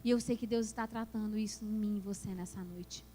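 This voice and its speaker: A woman's voice: medium pitch, steady tone, a little fast, mellow. A woman pastor preaching a passionate sermon that builds to emphatic peaks in a church. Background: worship music.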